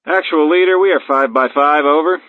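Young pilot over walkie talkie. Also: male voice, on the high side, a little fast, no room sound. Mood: steady. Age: young adult. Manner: clipped radio protocol. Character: young male fighter wing leader, steady and confident. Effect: over walkie talkie radio. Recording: tinny radio line, dry.

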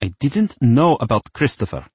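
A man's voice: mid-range voice, big pitch swings, normal speed, darkish tone, husky, no echo, pitched above the performer's own voice. A man reading a story, voicing a stern, scheming middle-aged mother who scolds her daughter. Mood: cold. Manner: curt, scolding.

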